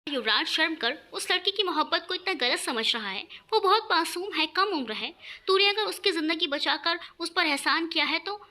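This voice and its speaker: A woman's voice: very high voice, lively intonation, moderate pace, hardly any pauses, sharp tone, heavily acted. A woman voicing a frank young man in a storybook reading, scolding his friend bluntly. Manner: blunt, scolding, then reassuring.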